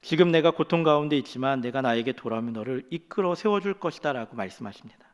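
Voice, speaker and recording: A man preaching a sermon as pastor, earnest, rising in pitch and force when he voices pleas to God. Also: expressive, fast. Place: church.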